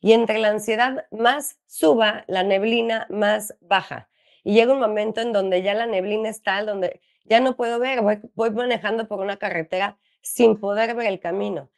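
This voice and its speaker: A middle-aged woman with a Mexican accent talks through her ideas in an interview. She explains with patient earnestness, often asking a question and then answering it herself. Her pitch sits in the middle of the usual range for a woman. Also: moderate pace, gravelly. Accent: Mexican Spanish. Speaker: ADHD coach for parents.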